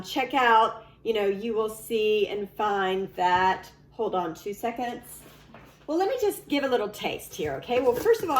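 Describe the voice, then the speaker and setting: A woman hosting a casual cooking video in a chatty, emphatic way, drawing out some of her phrases. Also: on the high side. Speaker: cooking show host. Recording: echoey room with faint background noise.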